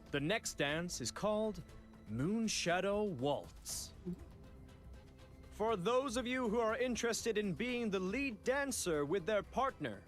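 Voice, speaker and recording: An actor voicing a theatrical male auctioneer at a noble banquet who announces bids in drawn-out calls. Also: high voice, fairly bright tone, exaggerated voice. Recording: game audio with music behind.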